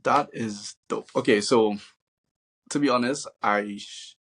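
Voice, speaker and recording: Husky-voiced Trinidadian man hosting. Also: mid-range voice, takes it slowly. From Trinidad and Tobago. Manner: relaxed, chatty, thinks aloud with many fillers. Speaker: podcast host. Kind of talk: casual conversation.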